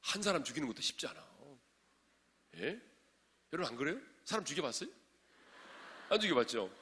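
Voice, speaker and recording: A male pastor preaching to a congregation, swinging from shouted exhortation to hushed asides and quizzing his listeners. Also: on the high side, very animated, fairly quick. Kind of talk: sermon at a prayer meeting. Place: large church sanctuary. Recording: long reverb of a large church hall.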